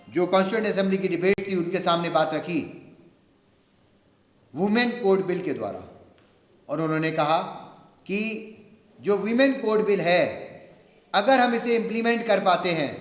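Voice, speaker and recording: A man giving an earnest public lecture, speaking with emphatic rhetorical repetition and mixing in English phrases. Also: high-pitched. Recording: echoey hall.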